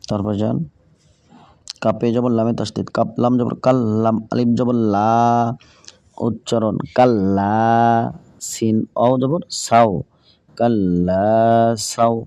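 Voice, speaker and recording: A man's voice: fairly low pitch, steady tone, dark tone, no echo. A man teaching Quran reading, spelling out each word letter by letter for learners and then reciting the verse. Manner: slow, patient letter-by-letter drilling, then melodic recitation.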